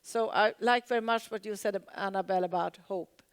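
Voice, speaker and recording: A woman's voice: mid-range voice, steady tone, a little fast, smooth, no echo. A woman speaking on a panel discussion in an earnest, hopeful way.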